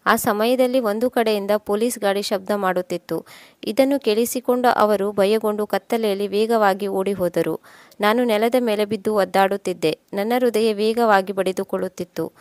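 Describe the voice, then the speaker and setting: A woman narrates a scripted first-person story at a steady, reflective pace. Her voice sits at an ordinary middle pitch. The recording is close and dry, with no room echo. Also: normal speed.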